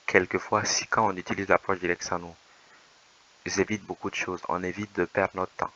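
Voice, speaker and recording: Low flat-voiced man coaching calmly. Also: highs cut off. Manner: measured, reassuring, explanatory. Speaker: dating coach commenting on footage. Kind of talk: calm voice-over commentary.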